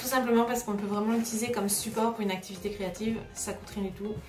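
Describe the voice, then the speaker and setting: Speaking fast with fairly even intonation, a woman of medium pitch hosts a relaxed craft unboxing vlog. She chats hesitantly, using many filler sounds. Her voice is far from the mic in an echoing room, backed by music.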